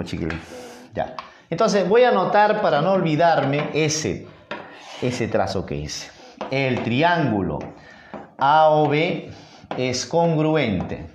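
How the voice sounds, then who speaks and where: A man with a Peruvian accent teaching a geometry review lesson at a whiteboard, playful and coaxing with his students. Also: mid-range voice. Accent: Peruvian Spanish. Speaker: math teacher. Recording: roomy echoey room sound.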